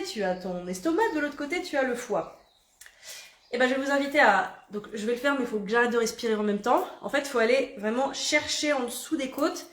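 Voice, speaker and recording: A woman's voice: high-pitched, a bit bright, echoey room. A woman body coach guiding a morning self-massage routine in a chatty, playful way, laughing at herself, with a put-on southern French accent.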